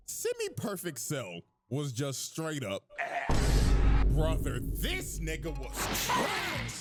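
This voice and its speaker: A man narrating a comedic anime recap with a profane, mocking delivery over a loud music bed. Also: medium pitch. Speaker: YouTube video narrator.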